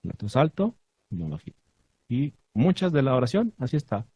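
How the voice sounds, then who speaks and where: Male congregation teacher, sermon delivery, husky tone, dry close sound. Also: medium pitch, sing-song, fairly quick, no room sound, dull audio. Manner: asks the congregation questions, recites Hebrew blessings.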